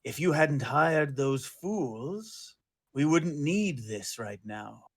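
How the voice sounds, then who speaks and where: A man voicing a scheming villain with a gravelly voice, speaking slowly and deliberately. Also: on the high side, expressive, no room sound, clean studio sound, exaggerated voice. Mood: scornful. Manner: slow and deliberate.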